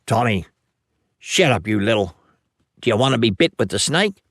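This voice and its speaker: A man's voice: lowish voice, very animated, moderate pace, no echo, studio quality. A man voicing a stern, weary frontier mother who scolds her children sharply, in a spoken storybook reading. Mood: scolding.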